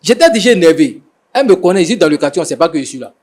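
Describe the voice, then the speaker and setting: A young man with a slightly raised voice talks fast as he justifies himself. He stumbles, restarts and repeats his points in a defensive, insistent way. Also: a little high, big pitch swings, darkish tone. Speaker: husband being mediated. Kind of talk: defensive explanation on a mediation show.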